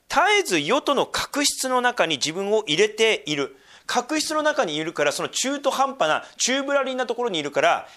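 Guy preaching a sermon, voice jumps around a lot, slows right down for the bible verses. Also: sits high. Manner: wide swings between hushed asides and emphatic raised reading; slows down to read scripture deliberately. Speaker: pastor. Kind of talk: sermon with scripture reading.

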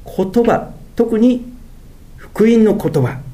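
A middle-aged man with a Tohoku accent preaching a sermon as pastor. He moves between drawn-out, lofty passages and quick, mumbled asides. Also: high-pitched, warm tone. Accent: Tohoku Japanese.

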